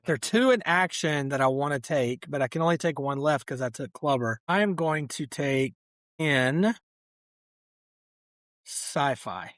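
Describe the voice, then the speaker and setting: A man in a relaxed podcast conversation, sounding like he is running the show. His voice sits a little high, and the sound is close and dry. He keeps things organized with quick recaps and drawn-out anecdotes. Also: dry recording. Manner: runs the draft, recaps picks and tells anecdotes. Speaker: podcast host. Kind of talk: casual podcast chat.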